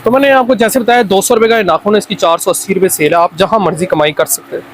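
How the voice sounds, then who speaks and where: A man with a Pakistani accent making an unscripted hard-sell pitch as a wholesale seller, insistently repeating his lines. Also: steady tone, quick pace, slight background noise. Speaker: wholesale toy seller presenting stock.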